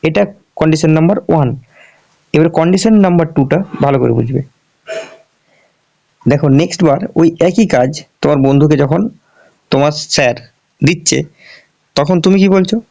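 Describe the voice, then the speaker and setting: A man teaching English grammar in a lesson, asking questions and answering them himself, and reading example sentences out slowly. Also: on the high side, gravelly, warm tone. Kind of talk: explanatory classroom lesson. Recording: dull lo-fi recording.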